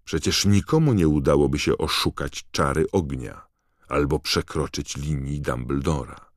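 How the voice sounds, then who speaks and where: A man's voice: very deep voice, moderate pace, no echo, clean studio sound. A man voicing a clever, earnest teenage schoolgirl witch who explains things patiently and insistently.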